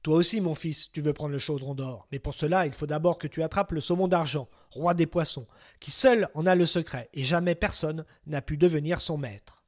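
A man's voice: fairly high pitch, normal speed, close to an everyday voice. A man doing a wise, very old man. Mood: advising.

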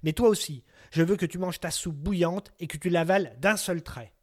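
A man doing a booming man-eating giant. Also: normal speed, a little mellow. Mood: demanding. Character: huge man-eating giant, male, menacing, greedy.

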